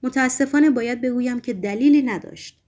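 A woman's voice: on the high side, a little mellow, lightly acted. A blunt, curious young male poet, grudging and a little sheepish in his replies, as a woman reads him in an audiobook. His short answers come out plain and frank. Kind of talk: audiobook reading.

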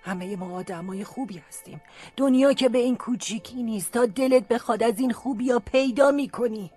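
A doting elderly aunt who frets and pleads, played by a woman. Her voice sits a little high and comes out husky, with soft music faintly behind. It is radio-drama acting, anxious and motherly. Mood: coaxing. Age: older. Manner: fretful and pleading.

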